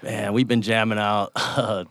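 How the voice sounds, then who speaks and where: A man, a band member guest telling stories in a casual, profane, animated way. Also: on the low side, measured pace, no room sound, clean studio sound. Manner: profane, animated storyteller who acts out quotes. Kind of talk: casual storytelling chat.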